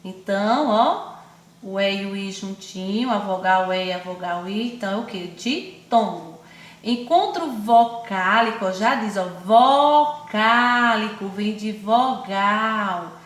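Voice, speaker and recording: A woman with a Brazilian accent teaching young children in an online class, speaking affectionately and stretching words out slowly syllable by syllable. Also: mid-range voice, echoey room. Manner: affectionate, calls pupils "my loves" and herself "auntie". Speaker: primary school teacher.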